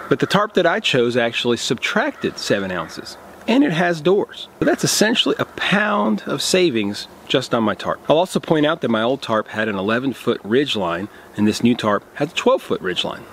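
A man in his thirties walks through his camping setup in a relaxed, practical way, explaining each piece as he handles it. He is recorded outdoors in a pine forest on a camera mic, with a faint outdoor hush behind him. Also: medium pitch, slight background noise. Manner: relaxed, hands-on explaining while demonstrating gear. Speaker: outdoor gear vlogger. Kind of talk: casual gear demonstration.

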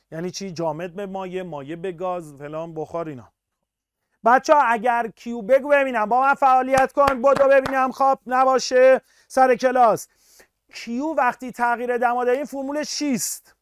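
A man teaching a live online physics class, energetic and upbeat, constantly urging students to answer and praising them. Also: very high voice, smooth, no echo, clean studio sound.

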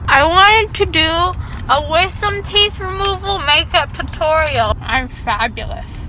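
A woman's voice: very high-pitched, expressive, unhurried, background noise. A young woman groggy and loopy from anesthesia, rambling in a silly, childlike way as she chats casually in a car. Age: young adult. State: numb mouth after dental surgery. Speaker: vlogger. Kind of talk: casual chat. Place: inside a car in daytime. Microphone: handheld camera at arm's length.

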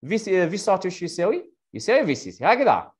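A male electrical engineering teacher with an Algerian Arabic accent quizzes a student during a live online tutoring session heard over a video call. His voice is high with huge pitch swings, and he fires off rapid questions, confirming her answers.

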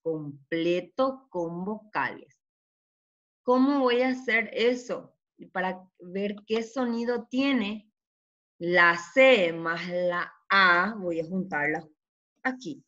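A woman teaching young children to read, taking her time over every syllable. Her pace is unhurried and patient, and she keeps checking that the children follow. The recording is dull and lo-fi. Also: mid-range voice, bright, forceful tone. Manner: slow and deliberate, often checking with "¿sí?"; sounds out syllables carefully. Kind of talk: children's reading lesson.

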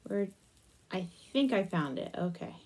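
A young adult woman, a crafting vlogger, chats casually while demonstrating crochet in a small indoor attic room, absorbed and half talking to herself. Her medium-pitched voice is animated and darkish with a breathy edge, moving at a measured pace.

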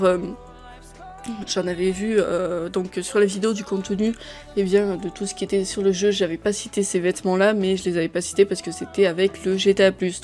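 Woman, gaming video creator, casual rundown, filler-heavy chatty delivery, faint background music. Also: mid-range voice. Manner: chatty, lists items with many fillers.

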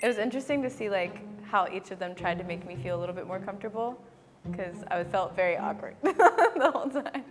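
A woman's voice: medium pitch, expressive, brisk, noisy background. A woman in her twenties from the United States, chatting casually on a dating show and laughing often. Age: 20s. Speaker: blind-date contestant. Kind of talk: casual chat. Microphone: lapel mic.

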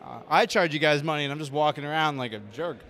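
Thirtysomething guy hosting a convention walkaround, jokey and excited, a bit high, handheld mic. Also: fast. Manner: joking, self-deprecating, excitable. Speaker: host. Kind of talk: casual walking tour vlog. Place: large convention hall indoors.

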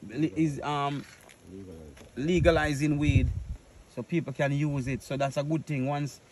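A middle-aged Jamaican farmer answers questions in a relaxed, easygoing way. His voice sits a little high. The outdoor recording carries steady field noise. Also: unhurried. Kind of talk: casual interview answers. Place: outdoors on a rural farm.

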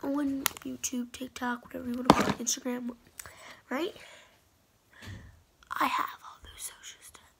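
A woman's voice: sits high, flat delivery, a little slow, gravelly, long pauses, in a whisper. A young woman vlogging casually on a phone at home, boastful and rambling with sass. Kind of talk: casual vlog chat.

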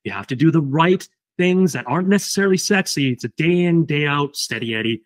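A man, the company's chief of staff, keeping a business discussion moving in a relaxed, conversational way. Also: fairly high pitch, a little fast. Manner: conversational, prompts the questions.

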